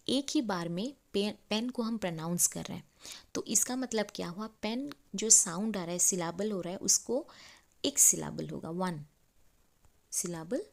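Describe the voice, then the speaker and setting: Slightly gravelly woman teaching grammar. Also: fairly low pitch. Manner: slow, step-by-step explanation with repeated rhetorical questions. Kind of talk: explaining a grammar lesson.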